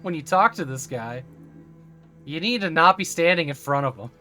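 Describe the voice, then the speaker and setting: A man's voice: a little high, lively intonation, moderate pace, pushed and bright, faint music behind. Upbeat chatty male streamer. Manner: chatty, enthusiastic, laughing asides. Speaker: game streamer. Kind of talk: casual live-stream chat while playing.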